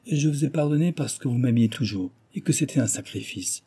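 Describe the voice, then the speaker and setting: A man's voice: medium pitch, a little fast, warm tone, breathy edge, voice pushed up. A man voicing an anxious young Japanese woman in an audiobook, pleading in a raised voice.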